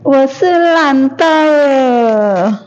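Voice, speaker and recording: A woman's voice: high-pitched, drawn-out words, a little hiss or hum. A woman vlogger chatting casually while talking through a face mask, laughing at herself now and then. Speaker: migrant caregiver vlogger. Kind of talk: casual vlog chat. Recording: dull lo-fi sound with loud music.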